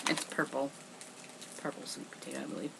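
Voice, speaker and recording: A woman's voice: extremely low pitch, a little fast, gravelly. A woman hosting a casual group snack tasting, reading labels aloud in a knowing, matter-of-fact way. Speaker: vlog host. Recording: noisy home recording.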